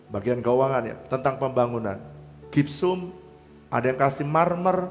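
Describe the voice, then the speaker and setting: A man preaching a sermon as pastor, telling his story with swings between loud and soft delivery. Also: medium pitch, normal speed, faint music behind. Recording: long hall reverb.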